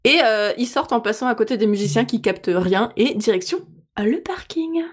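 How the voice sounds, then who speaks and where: A woman's voice: a little high, brisk. A woman co-hosting a casual, comic chat, with playful, mocking interjections. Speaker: co-host of a film discussion.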